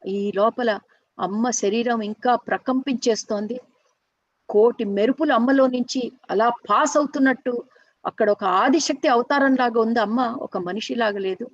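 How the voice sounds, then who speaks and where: A woman telling a long story unscripted, earnest and halting, often restarting and correcting herself mid-sentence. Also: on the high side, dry recording, lo-fi sound. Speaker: storyteller and workshop teacher.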